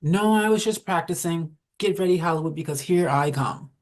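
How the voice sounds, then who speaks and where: A woman's voice: on the low side, moderate pace, darkish tone, pitched above the performer's own voice, natural voice. A man doing a sly, playful young woman.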